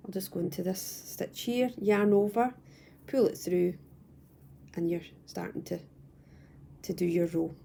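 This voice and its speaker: Young woman, low mellow voice with gravel, patient step-by-step crochet tutor, talks at home. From United Kingdom. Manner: calm, patient, repeats and restarts phrases. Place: at home, indoors.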